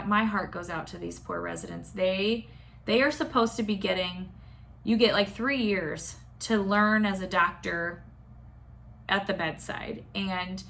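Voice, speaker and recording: Young woman nurse rambling to a class, bit of vocal fry, faint hiss behind. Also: medium pitch, a bit bright. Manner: chatty, candid, with many fillers and restarts. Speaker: travel nurse practitioner. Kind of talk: casual talk to a school class.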